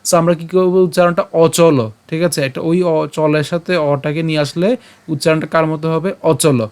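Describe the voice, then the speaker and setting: A man teaching scripture recitation online, breaking each word into syllables and chanting verse lines slowly. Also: fairly high pitch, level tone, darkish tone, smooth. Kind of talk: online pronunciation lesson.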